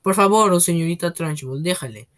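A reader doing a gentle pleading teacher. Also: mid-range voice, moderate pace, close to an everyday voice. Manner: pleading, soft-spoken.

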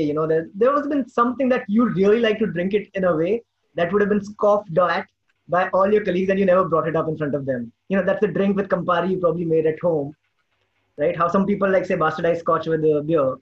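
Host, male, high-pitched, loose and joking, muffled lo-fi recording. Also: fast talker. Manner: joking, rambling questions with many fillers. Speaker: podcast host. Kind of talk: casual interview chat. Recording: dull lo-fi sound.

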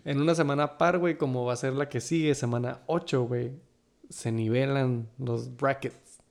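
A man with a Mexican Chicano accent and a fry-edged, gravelly voice talks casual league banter. He speaks at a middle pitch, peppers his talk with slang, and slips into English phrases. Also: fairly even intonation, normal speed. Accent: Mexican Spanish with Chicano flavor. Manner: slangy, code-switches into English. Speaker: sports league podcast co-host.

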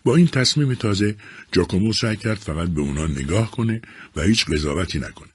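Deep husky male audiobook narrator. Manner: expressive, acts out each character. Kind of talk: scripted storytelling narration.

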